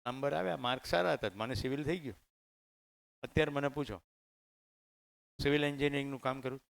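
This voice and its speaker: A man's voice: mid-range voice, fairly even intonation, brisk, creaky. A middle-aged man with a Gujarati accent, telling personal stories in a conversational way to a room of teachers at a training session. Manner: conversational, anecdotal, addresses audience directly. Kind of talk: storytelling talk to teachers. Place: training hall with live audience.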